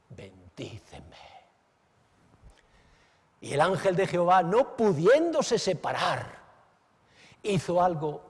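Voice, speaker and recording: A man preaching a sermon as pastor. He is dramatic, swings between exclamations and hushed asides, and keeps asking the listeners questions. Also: on the high side, breathy edge, big-room sound. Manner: asks the listeners direct questions.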